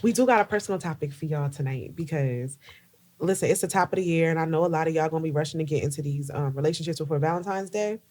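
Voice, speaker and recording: A woman's voice: sits low, fast talker, a little mellow. A young woman from New Jersey co-hosting a podcast in casual chat, joking and laughing often. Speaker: podcast co-host.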